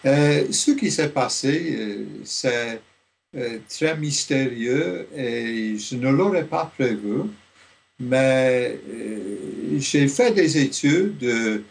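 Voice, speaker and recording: An older man from Liverpool, a theology professor, speaking in a radio interview, slowly and with many hesitations. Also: mid-range voice. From Liverpool, England. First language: English. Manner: slow, halting, many fillers.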